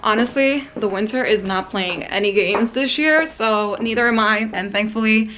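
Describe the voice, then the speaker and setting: A young woman vlogging casually from a friend's apartment in a relaxed, chatty way. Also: mid-range voice, normal speed, slight background noise. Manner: chatty, relaxed, drifting into Spanish with her friend. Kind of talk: casual vlog chat. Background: background music.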